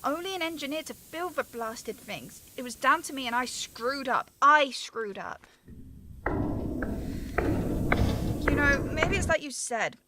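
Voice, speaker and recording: Over a noisy background, a woman voices a self-blaming scientist character, the younger sister, in an amateur radio drama. She sounds anguished and urgent, her high voice animated yet unhurried, with frequent pauses.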